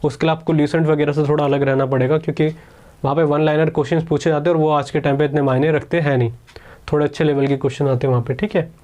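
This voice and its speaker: A man's voice: on the high side, little pitch movement, darkish tone. A man teaching exam strategy in a casual, chatty lecture, often checking in with his students. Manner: quick, chatty, keeps saying "ठीक है".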